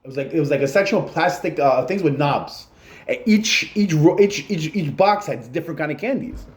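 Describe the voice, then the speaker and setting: A man's voice: a little high, expressive, fairly quick. A middle-aged man, rambling profanely in a solo monologue about his childhood, repeating himself and saying "yo" often. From Long Island, New York. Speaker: channel host.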